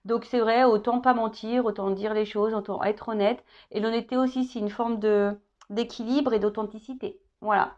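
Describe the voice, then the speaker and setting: A woman in her thirties chats her way through a tarot guidance reading, joking and tagging her phrases with little asides. Her voice sits fairly high. The recording is dull and lo-fi. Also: steady tone, moderate pace, a little mellow. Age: 30s. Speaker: tarot reader. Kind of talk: casual tarot guidance chat.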